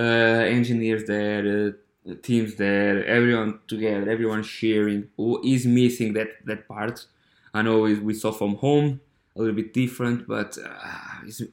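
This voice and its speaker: A man from Portugal with a Portuguese accent, hosting a podcast in a halting, casual monologue full of fillers and restarts. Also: fairly low pitch, echoey room. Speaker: podcast host.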